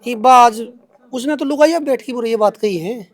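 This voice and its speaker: A young man from Haryana, India, speaks with a Haryanvi accent in an extremely high-pitched voice at a normal pace. Answering accusations in an unscripted interview, he defends himself emphatically and colloquially, repeating phrases.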